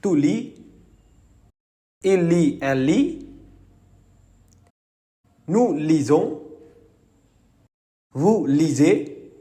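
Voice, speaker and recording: A man reciting verb conjugations slowly and clearly as a language teacher. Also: on the high side, animated, dark tone. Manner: slow, deliberate, enunciated recitation. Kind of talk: slow conjugation drill.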